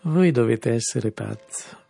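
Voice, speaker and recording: A man reading an audiobook, voicing an angry jealous husband who blusters and moralizes with a gravelly, husky voice. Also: medium pitch, moderate pace, dry recording, soft background music. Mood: demanding. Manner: indignant, loud, sarcastic.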